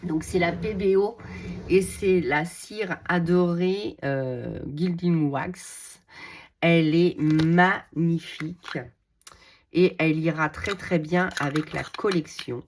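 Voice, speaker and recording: A woman's voice: on the low side, slow pace, a little hiss or hum. A middle-aged woman hosting a casual crafting tutorial. She is chatty, talks to herself as she works, and uses many fillers. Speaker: craft video host.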